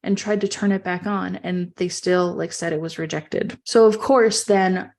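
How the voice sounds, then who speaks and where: A woman's voice: on the low side, steady tone, normal speed, a little mellow. A woman speaking as an online entrepreneur and coach in an earnest, emphatic motivational monologue, repeating phrases for stress. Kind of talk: personal monologue with motivational talk.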